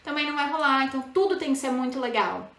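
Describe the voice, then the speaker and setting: Brazilian woman educator, high bright voice, chatty tag-question delivery, roomy echoey room. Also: quick pace. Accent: Brazilian Portuguese. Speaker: bilingual parenting educator. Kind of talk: casual explanatory talk to parents.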